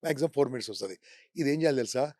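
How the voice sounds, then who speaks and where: A man talks fast and with drive, his voice mellow and a little high. He gives animated career advice in an interview, full of rhetorical questions. The sound is dry and close. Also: no room sound. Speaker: career trainer.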